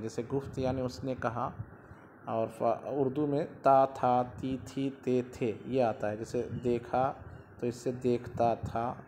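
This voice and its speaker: A man's voice: medium pitch, slight background noise. A man with an Indian Urdu accent teaching a grammar lesson, patiently explaining and repeating each form with its translation.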